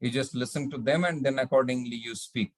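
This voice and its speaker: A man's voice: medium pitch, fairly even intonation, very slow, dry recording. A man teaching a beginners' Sanskrit class, mixing Hindi and English, patiently repeating and spelling out each letter sound. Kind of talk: slow online lesson mixing Hindi and English.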